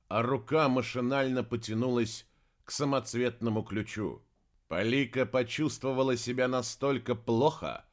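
A man narrating a fantasy audiobook with a dramatic, expressive reading. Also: mid-range voice.

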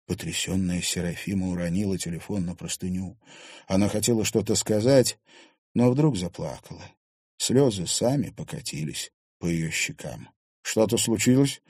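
A man reading a novel aloud in an even, measured way. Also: sits low, husky, no room sound. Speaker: audiobook reader. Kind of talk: scripted narration.

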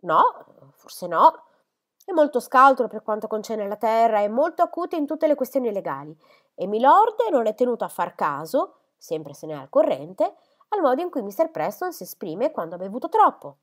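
A woman's voice: fairly high pitch, big pitch swings, normal speed, voice pushed up. A woman voicing a stern, disapproving older spinster who speaks in an admonishing, authoritative way.

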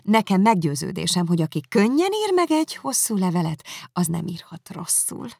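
A woman reading aloud, voicing a fawning young society lady who gushes with flattery. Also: creaky, breathy edge, no echo, clean studio sound, full character voice. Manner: fawning, effusive, shrill.

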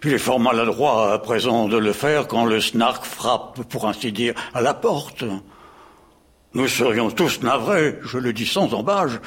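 A man's voice: medium pitch, unhurried, a bit bright, slightly rough. A man playing an impatient, blustering ship captain in a French radio drama, declaiming with emphasis. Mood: rousing.

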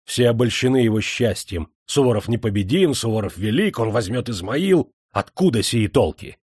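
A brooding, irritable aging commander, as a male narrator puts him on speaks low and gloomily, then snaps into sharp, commanding shouts. His voice sits low and dark, recorded close and dry. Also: big pitch swings, normal speed, dry recording. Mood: angry.

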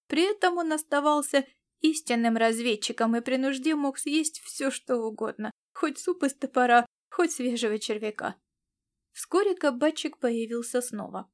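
A woman narrating a science fiction adventure audiobook in a lively storytelling manner. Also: fairly high pitch, normal speed.

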